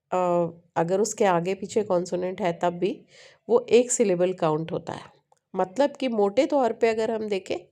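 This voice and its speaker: Slow, mellow Indian woman teaching English. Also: medium pitch. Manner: slow explanatory teaching, mixing Hindi and English, frequent "है ना" checks. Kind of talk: classroom lesson explaining syllables.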